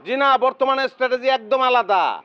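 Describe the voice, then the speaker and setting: A pompous know-it-all teacher. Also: male voice, extremely high pitch, expressive, fairly quick, clean tone, lo-fi sound. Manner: pompous, lecturing, keeps asking "understood?". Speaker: self-styled teacher lecturing at a tea stall. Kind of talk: TV comedy drama acting.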